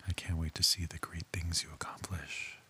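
A man speaking in a soft, tender, intimate whisper as if close to the listener's ear, in an ASMR roleplay. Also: deep voice.

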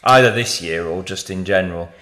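Low-voiced man hosting a podcast. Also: a little fast. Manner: relaxed, rambling with fillers. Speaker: podcast host. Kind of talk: casual podcast chat.

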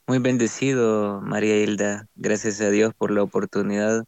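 A young man from El Salvador with a Salvadoran accent, sharing his faith testimony as a guest, in a slow, halting way with many fillers. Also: fairly low pitch, level tone, a little mellow, smooth, no room sound. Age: young adult. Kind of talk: testimony interview.

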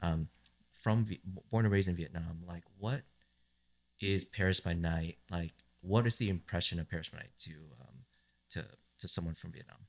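A man's voice: low-pitched, moderate pace, vocal fry, a little mellow. A man from the United States hosting a podcast, asking long rambling questions with many fillers. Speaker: podcast host. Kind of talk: casual interview chat.

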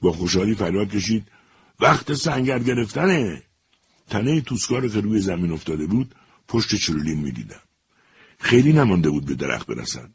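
A male narrator reads a story aloud in a steady, measured manner. His voice sits very low, and a faint hiss runs beneath it. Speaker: audiobook narrator. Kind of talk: scripted narration.

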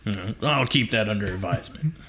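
A man plays an unflappable half-dragon adventurer in a tabletop game. He bluffs drily and politely, with animated pitch and a bright, forward tone over clear background noise. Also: a little fast. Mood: dry, bluffing. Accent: claimed thick draconic accent.

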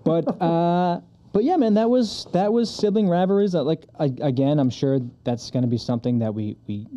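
A man's voice: on the high side, moderate pace, mellow, lo-fi sound. A man co-hosting a podcast, laid-back and profane, telling stories and reading listener comments aloud. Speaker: podcast co-host. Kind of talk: casual chat and reading comments.

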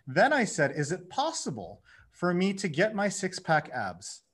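A man in his thirties, a guest on a podcast, telling his story in a lively way and acting out his own inner dialogue. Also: high voice, measured pace. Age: 30s. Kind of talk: casual conversation.

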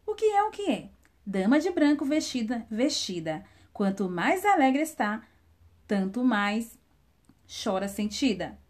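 A woman's voice: a little high, sing-song, measured pace, darkish tone. A woman doing a teasing young riddler. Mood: playful riddling. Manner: singsong teasing riddle delivery. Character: clever charming young man asking riddles. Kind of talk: children's storytelling.

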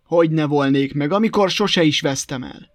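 A man voicing a sly, calm old toad who talks in a chatty, teasing and mock-innocent way in a storybook tale. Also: a little high, dry recording, lightly acted.

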